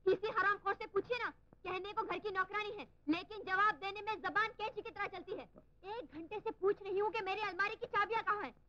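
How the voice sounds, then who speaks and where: An actress playing a spoiled, haughty elder daughter who shouts scornfully, on a muffled old film soundtrack. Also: female voice, very high-pitched, steady tone, a little fast. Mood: furious. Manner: shouting, scornful, mixing English insults.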